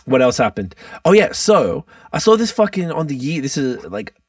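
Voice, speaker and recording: A man's voice: on the high side, big pitch swings, moderate pace, dry recording, studio quality, distant mic. A man chatting casually and bluntly as a podcast host, with plenty of slang and swearing. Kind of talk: casual chat.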